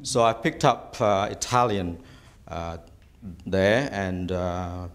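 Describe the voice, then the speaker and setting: This bishop-elect, a middle-aged man from Vietnam whose native language is Vietnamese, has a voice that sits low. He answers interview questions in a measured manner, hesitating often with "uh," from a small office room indoors.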